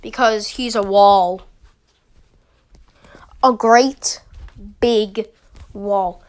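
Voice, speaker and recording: Her mid-range voice is clean in tone, fairly even in intonation, and very slow. A young woman with a sniffly summer cold, she's a YouTuber casually rambling about her draft league team picks, with lots of fillers.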